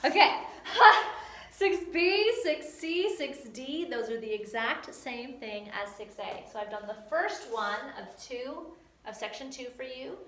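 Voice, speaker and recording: A woman teacher walks through homework in a recorded lesson, chatty and playful. Her voice is high and she talks at an unhurried pace. The room has a noticeable echo. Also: expressive, a bit bright. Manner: playful, chatty, bursts into silly catchphrases. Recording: echoey room.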